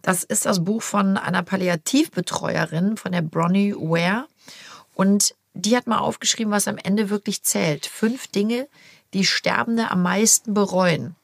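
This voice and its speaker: A middle-aged woman hosting a podcast, chatting casually and telling animated stories. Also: mid-range voice, measured pace, creaky, no echo, studio quality. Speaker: podcast host, mother. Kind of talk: casual chat.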